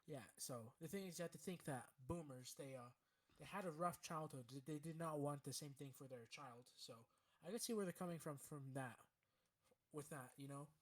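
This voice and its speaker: A man's voice: a little high, a little fast. A young man in casual podcast chat, blunt and profane, explaining his points with lots of filler words.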